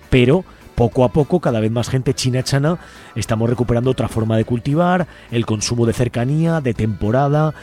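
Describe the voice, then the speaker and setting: An environmental activist guest explains things in a radio interview, often tagging his statements with a questioning "no?". His voice is mid-range with a dark tone.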